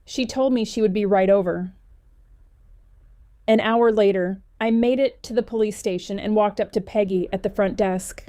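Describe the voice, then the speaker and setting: Woman, audiobook narrator, first-person cozy mystery reading, even conversational delivery, mid-pitched voice, close dry recording. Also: normal speed, dry recording.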